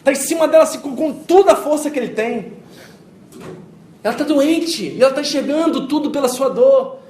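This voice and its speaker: Animated preacher, echoey hall. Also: male voice, very high voice, normal speed, a little hiss or hum. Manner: animated storytelling, acting out quotes, shifting from loud to hushed. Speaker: pastor. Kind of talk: sermon. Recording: echoey hall miked from a distance.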